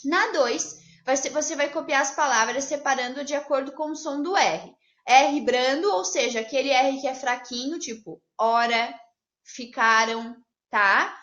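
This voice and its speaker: A Brazilian woman teaching a Portuguese lesson to children, upbeat and patient, checking in with the class after each point and drawing out example words slowly. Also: high-pitched, fairly bright tone. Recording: roomy, slightly dull home video audio.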